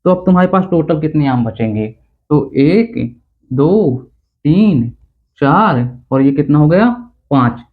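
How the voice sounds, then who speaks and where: A man teaching simple subtraction in a friendly, joking classroom manner, keeps asking if the students follow. His voice sits fairly high for a man. The sound is thin and tinny, like a phone line. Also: expressive, measured pace. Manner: chatty, teasing, repeats "theek hai na" to check understanding. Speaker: math teacher. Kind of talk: classroom math lesson.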